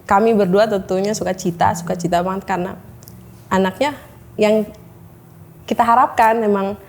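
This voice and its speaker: A woman's voice: medium pitch, steady tone, moderate pace, a little hiss or hum. A woman in her thirties telling her own hard story as an interview guest, hesitant, with many fillers, acting out what doctors told her. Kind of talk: emotional personal testimony.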